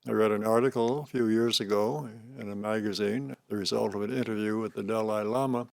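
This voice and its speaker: An older man giving an unscripted spiritual talk on meditation as a teacher, speaking slowly and calmly in short, deliberate phrases with pauses. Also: on the low side, gravelly, no echo. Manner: slow, calm, deliberate delivery with pauses between short phrases.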